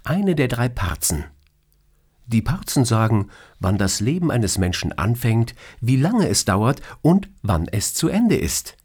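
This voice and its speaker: A man voicing a cheerful, teasing woman who is the boss in an audiobook story, raising his voice high and lively for her. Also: unhurried, husky. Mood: explaining. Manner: playful, teasing. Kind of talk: audiobook character reading.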